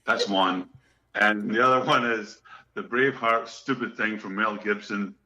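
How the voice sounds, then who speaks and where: Fairly low in pitch, steady and measured, his voice comes across pushed and bright. He's a middle-aged musician from Scotland, a guest swapping jokey stories in a relaxed interview, captured with echo and dull, lo-fi audio.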